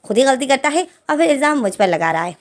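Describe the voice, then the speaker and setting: A woman voicing a young man who scolds and urgently hushes his partner in a told fanfiction story. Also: high voice, big pitch swings, fast talker. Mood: urgent scolding. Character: young man, bossy protective brother figure.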